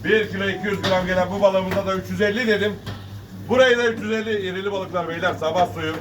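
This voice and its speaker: A man's voice: high voice, fairly even intonation, fast. A man working as a fish auctioneer, calling weights and prices in repeated sing-song calls for bids. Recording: distant mic, noisy market, birds cooing.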